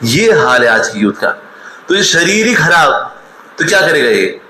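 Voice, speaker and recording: A forties-aged man gives a spirited motivational talk, telling stories, acting out quotes, and breaking into mocking scolding. His high-leaning voice swings widely in pitch at a measured pace, sounding pushed and bright. There's a little hiss or hum, plus the echo and faint ambience of a hall.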